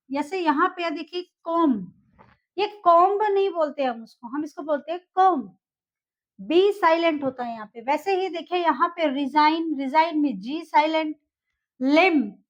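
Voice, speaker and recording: A woman teacher explaining English pronunciation in a video lesson, mixing in English phrases and often checking in with "okay". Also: sits high. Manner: repeats words and checks in with "ok" and "dekhiye"; mixes Hindi with English phrases. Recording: slightly dull lo-fi audio.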